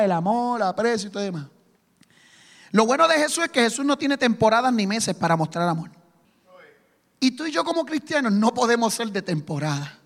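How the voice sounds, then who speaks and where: High, bright-voiced preacher man. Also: long reverb tail. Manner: emphatic, asks the congregation rhetorical questions. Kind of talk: sermon. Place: church sanctuary.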